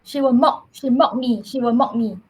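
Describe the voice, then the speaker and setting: A woman with a Singaporean English accent telling her own story as a podcast guest, earnest and halting, often restarting her words. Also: on the high side, darkish tone, slightly rough, poor audio. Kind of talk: personal storytelling in casual chat.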